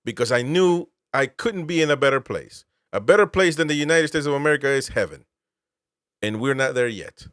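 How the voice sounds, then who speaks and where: A man's voice: mid-range voice, expressive, brisk, fairly bright tone, dry recording, clean studio sound. A man from Peru, host and military veteran, giving political commentary with emphatic, incredulous rhetorical questions.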